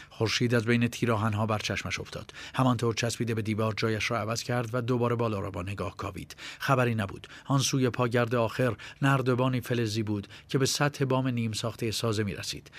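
A man reading a suspenseful story aloud as an audiobook narrator, in a steady, even storytelling voice. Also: mid-range voice, no room sound.

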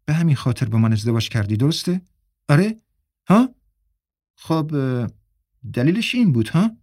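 A man's voice: mid-range voice, animated, a little mellow, no echo, studio quality. A man voicing an angry young wife who throws accusing questions.

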